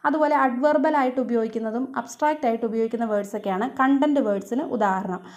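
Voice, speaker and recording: A woman's voice: on the high side, quick pace, a little mellow. A woman teacher giving an exam-prep lecture, explaining step by step and mixing English terms into her speech.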